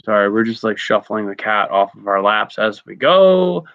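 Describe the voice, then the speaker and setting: A man's voice: lowish voice, big pitch swings, moderate pace, no room sound, muffled recording. A man hosting a casual live stream chat, easygoing and joking, with lots of fillers.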